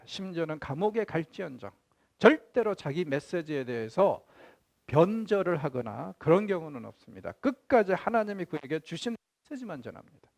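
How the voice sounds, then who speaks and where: A man teaching a theology class in a conversational, animated way, often acting out quoted speech. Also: fairly high pitch, creaky, dry recording. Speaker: professor.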